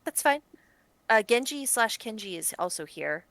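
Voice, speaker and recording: A woman's voice: a little high, big pitch swings, normal speed, a bit bright, dry recording. A woman running a tabletop game as game master, narrating casually and often breaking off to correct herself. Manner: chatty, self-interrupting, laughs at her own setup.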